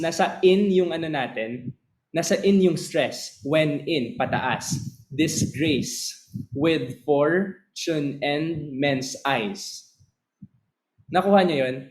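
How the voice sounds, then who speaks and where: A man teaching a class, switching between Tagalog and English, often asking the students whether they follow and reading verse slowly. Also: on the high side, rough recording. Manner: slow, drawn-out reading of verse lines. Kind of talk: lecture mixing Tagalog and English.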